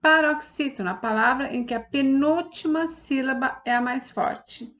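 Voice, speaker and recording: A woman's voice: high-pitched, moderate pace, a bit bright, dull audio. A woman teacher with a Brazilian Portuguese accent, patiently explaining a lesson step by step and often checking that students follow. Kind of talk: online class lesson.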